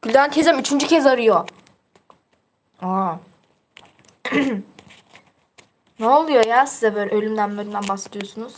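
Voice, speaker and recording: A woman's voice: a little high, normal speed, long pauses, a little hiss or hum. A teenage girl chatting casually on her livestream, reading out viewer comments in a teasing, chatty way and laughing often.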